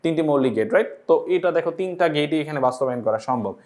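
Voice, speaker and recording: Bangladeshi guy teaching exam problems, patient, keeps asking right?, voice a bit high. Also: animated, very fast, darkish tone. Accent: Bangladeshi Bengali. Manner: explains patiently, often asks the viewer "right?". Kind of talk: solving exam questions step by step.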